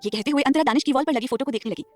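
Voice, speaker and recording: A woman with a high voice narrates a romantic audio drama at a rapid clip. Her brisk storytelling runs over faint background music. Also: no echo.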